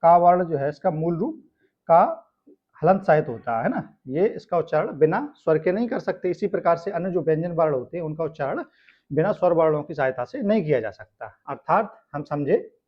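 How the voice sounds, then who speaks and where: A man's voice: on the high side, expressive, moderate pace. A male teacher from India explaining a grammar lesson step by step, often checking in with tag questions. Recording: dull lo-fi sound.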